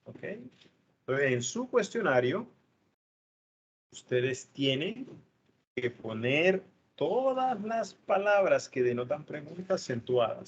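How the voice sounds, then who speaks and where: A man's voice: mid-range voice, dull audio, a little hiss or hum. A man giving a tutoring lesson, explaining step by step and checking in with his students. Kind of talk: online tutoring lecture.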